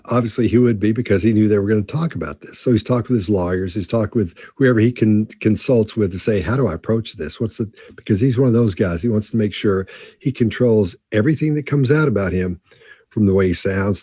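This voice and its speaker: A man on a panel walking through someone's reactions in an interview clip, steady and explanatory. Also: on the low side, a little fast, slightly rough, no echo, studio quality. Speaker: body language analyst. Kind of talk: panel video analysis.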